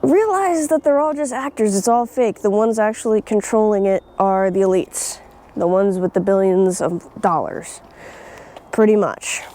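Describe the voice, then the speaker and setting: A woman's voice: medium pitch, moderate pace, dark tone. A young woman vlogging outdoors, talking bluntly and swearing freely, with frequent laughs. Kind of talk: casual opinion vlog. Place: outdoors in nature.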